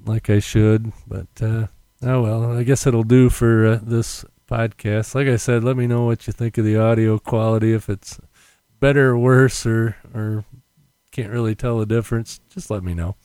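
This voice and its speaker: A man's voice: fairly low pitch, steady tone, normal speed, warm tone, clear, resonant tone, no echo. American man with popping p's, casual podcaster. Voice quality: popping p sounds on the mic. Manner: rambling, self-correcting. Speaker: podcast host. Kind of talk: casual unscripted solo podcast chat. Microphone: condenser mic without windscreen.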